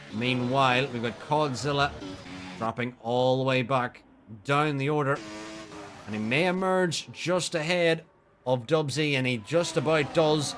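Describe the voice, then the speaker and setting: A man giving live motorsport commentary on an online racing league in an excitable manner. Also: a little high, slight background noise. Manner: excitable, builds to shouting during incidents.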